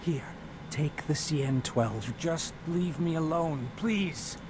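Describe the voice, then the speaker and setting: An actor playing a terrified male captive pleading for his life in a video game, over clear background noise. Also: on the high side, slow. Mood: begging. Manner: pleading, desperate.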